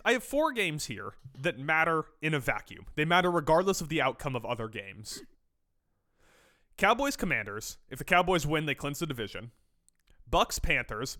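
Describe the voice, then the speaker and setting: A man co-hosting a sports podcast in casual chat, with wry asides and a quick rundown of the games. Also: fairly high pitch, bright, forceful tone. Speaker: podcast co-host.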